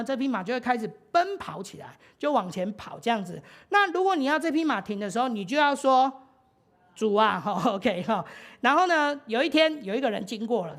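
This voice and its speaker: Woman preacher, Taiwanese Mandarin accent, casual storytelling sermon, fairly high voice. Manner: chatty, laughs often, many fillers. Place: church.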